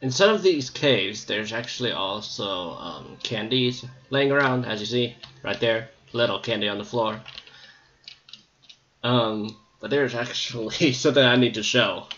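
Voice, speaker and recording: Man, mid-pitched, slightly scratchy, casual gameplay commentary with lots of ums, lo-fi muffled recording. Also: lively intonation, unhurried, fairly bright tone. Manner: rambling, hesitant, many ums. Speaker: gameplay video maker.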